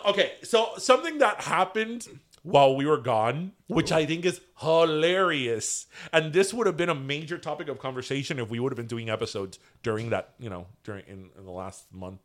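Here a man co-hosting a casual podcast talks at a moderate pace and medium pitch. He sounds animated, with a Cuban American accent, and mixes Spanish phrases into his English.

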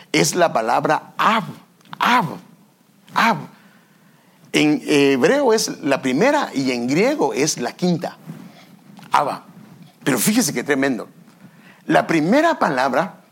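A man's voice: on the high side, slightly rough. A man preaching a teaching sermon as pastor, explaining step by step, with restarts and repeated phrases. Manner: explains step by step, often saying "fíjese".

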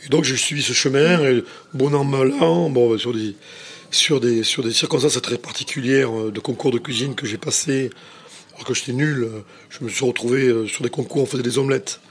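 A middle-aged chef from southwest France with a southwest French accent, telling stories in a rambling way with many restarts. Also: male voice, medium pitch, a little fast, breathy edge. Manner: rambling, many restarts, says "tu vois" often. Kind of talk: casual interview storytelling.

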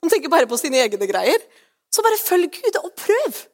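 A woman's voice: very high voice, very animated. A woman pastor preaching a sermon in a chatty, conversational way, often asking "right?" and slipping English phrases in.

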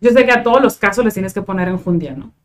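A woman's voice: mid-range voice, fast talker. A Mexican woman in her thirties, a psychologist, chatting casually and expressively with lots of fillers. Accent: Mexican Spanish. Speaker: psychologist guest. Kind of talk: casual podcast chat.

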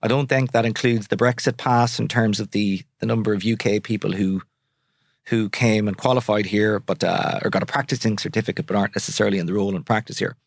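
A man's voice: on the low side, steady tone, quick pace, vocal fry, no room sound, studio quality. A man in his forties with a west of Ireland accent, answering interview questions in a candid, colloquial, conversational way. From Sligo, west of Ireland. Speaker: solicitor, interview guest.

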